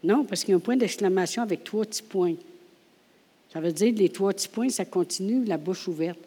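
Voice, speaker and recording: A woman preacher with a Québécois accent tells her story in a lively, theatrical way, dropping to hushed asides and then rising to loud lines. Her voice rings out with a long reverb in a church hall. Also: mid-range voice, fairly quick, husky. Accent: Québécois French. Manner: lively, laughing, acts out scenes, swings from hushed to loud. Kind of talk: animated storytelling sermon.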